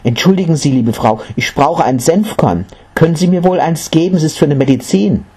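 A man voicing a desperate young mother in a storybook, pitching his voice high and pleading. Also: animated, unhurried, a little mellow, breathy edge. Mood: polite.

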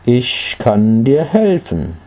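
A man doing a calm, serene old sage. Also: mid-range voice, slightly rough, voice pushed up. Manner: slow, calm, gentle.

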